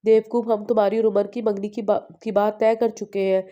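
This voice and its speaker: A woman reading the part of an affectionate, gently teasing mother who scolds fondly. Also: medium pitch, level tone, brisk, natural voice. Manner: fond, scolding tone. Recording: dull lo-fi recording.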